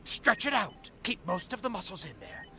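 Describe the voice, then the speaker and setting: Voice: mid-range voice, very animated, normal speed, sharp tone, soft background music, heavily acted. An actor playing a distraught, stubborn British railway boss in a cartoon, pleading melodramatically. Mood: insistent. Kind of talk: melodramatic animated comedy acting.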